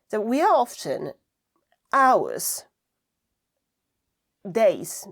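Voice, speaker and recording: A woman's voice: fairly low pitch, creaky. A woman chatting casually and reflectively to camera while she does crafts, thinking aloud as she goes. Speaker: craft vlogger.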